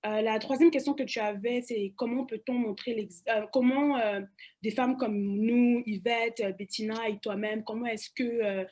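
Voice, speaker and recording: A young woman from Cameroon with a Central African French accent, speaking as a guest on a panel discussion, animated, restarting her phrases often and slipping into English. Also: a little high, normal speed.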